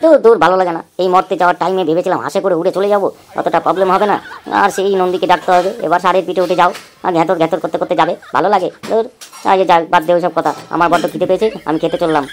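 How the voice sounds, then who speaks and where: A woman's voice: lowish voice, fairly even intonation, very fast, slight background noise, close to an everyday voice. Woman voicing a drowsy, food-loving father god. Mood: grumbling. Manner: rambling, grumbling, easygoing. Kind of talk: cartoon voice acting.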